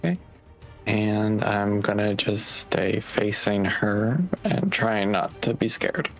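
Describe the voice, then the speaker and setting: A tabletop game player calmly explaining a spell and its rules. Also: medium pitch, slow, faint music behind. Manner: matter-of-fact rules explanation. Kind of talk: casual tabletop play.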